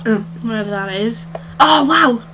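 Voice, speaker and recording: Giggly high-voiced North Welsh woman. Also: moderate pace, background noise. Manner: giggly, playful, teasing. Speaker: vlogger. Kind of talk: casual chat.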